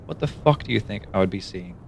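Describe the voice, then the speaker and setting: Gloomy dead guy, a man putting him on, gravelly and low, kinda sarcastic. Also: animated, fast, darkish tone, a little hiss or hum. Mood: sardonic. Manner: sardonic, mutters low. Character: gloomy dead man with a knife in his ribs.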